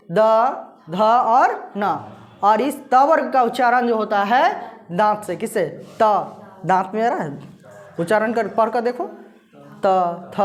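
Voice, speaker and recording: A woman teaching a grammar lesson, asking questions and answering them herself. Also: on the high side.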